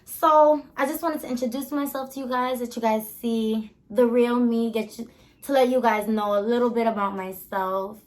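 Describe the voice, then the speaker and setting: A woman's voice: a little high, fairly even intonation, moderate pace. Young new woman, 21, rambly casual q and a chat, says like and um a lot. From the Bronx, New York. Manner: chatty, rambling, many "like" and "um" fillers. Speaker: vlogger.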